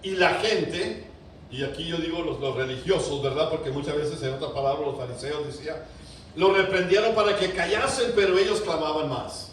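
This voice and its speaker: A man preaching a sermon to his congregation, fervent, with loud emphatic peaks, quiet drops and many rhetorical questions. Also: on the high side, normal speed. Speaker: pastor. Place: large church sanctuary. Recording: very echoey church, voice from a distance, faint room hiss.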